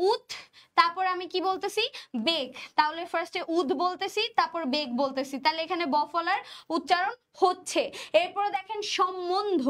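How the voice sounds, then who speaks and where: A woman's voice: very high-pitched, a bit bright. A young woman teaching an exam-prep lesson, repeating each question and answer as she quizzes her students. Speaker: admission test teacher.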